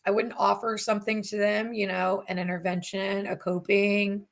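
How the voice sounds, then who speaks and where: A woman with a hoarse voice hosting a casual interview show over a video call, chatty and upbeat. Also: mid-range voice, normal speed. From Richmond, Virginia. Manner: calm, leads breathing exercise softly. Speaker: podcast host, therapist.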